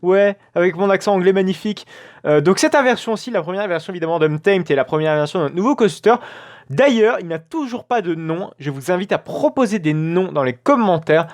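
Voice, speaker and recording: A man with a fairly high voice commentates his gameplay in a loose, casual way. He talks to his viewers directly into a desk microphone, pausing often to correct himself. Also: lively intonation. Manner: chatty, self-correcting, frequent filler sounds. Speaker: let's play host.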